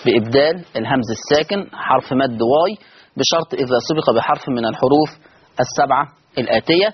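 Brisk, husky Egyptian teacher. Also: male voice, medium pitch, highs cut off. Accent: Egyptian Arabic. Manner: repeats points, asks and answers his own questions. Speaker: Quran recitation teacher. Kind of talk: didactic lesson.

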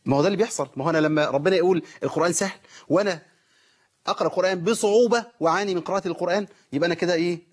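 A rapid-fire Egyptian teacher walks learners through the rules of Quran recitation. His voice is husky and sits a little high, and he keeps asking questions of his listeners before answering them himself. Now and then he slows down to model the correct pronunciation. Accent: Egyptian Arabic. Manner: explains with rhetorical questions, demonstrates recitation. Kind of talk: tajweed lesson.

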